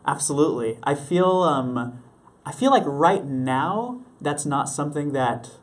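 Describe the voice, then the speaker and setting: A man's voice: on the high side, animated, measured pace. A young man from Mexico, a stage actor, answering interview questions in an eager, earnest way and laughing easily. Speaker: Broadway actor, interview guest. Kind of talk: casual interview chat.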